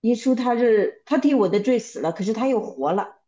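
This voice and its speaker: A woman sharing a personal testimony in a Bible study group, halting and often repeating and restarting her words. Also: fairly high pitch, animated, mellow, muffled recording. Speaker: church member sharing testimony.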